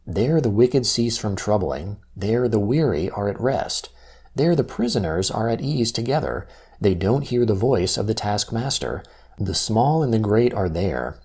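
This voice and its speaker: A man reading scripture aloud from a text in a solemn, measured recitation. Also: fairly low pitch, a little mellow, breathy edge. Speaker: scripture reader.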